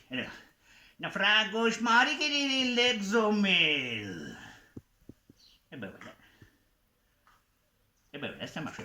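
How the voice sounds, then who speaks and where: A children's entertainer playing a goblin expert puts on a playful live comic show, coaxing the young audience and speaking directly to them. His voice is medium-pitched and bright with a forceful tone. The recording comes from an echoey live venue with background noise.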